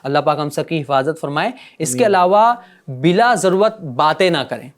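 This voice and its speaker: A man teaching a religious lesson to children, gently coaxing them with repeated questions. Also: a little high, expressive.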